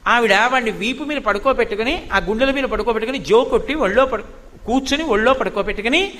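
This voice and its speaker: A man with a high, bright voice delivers a devotional sermon, telling stories in an animated way and breaking into recited Sanskrit verses. His voice carries a long hall reverb. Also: fast. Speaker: spiritual discourse speaker.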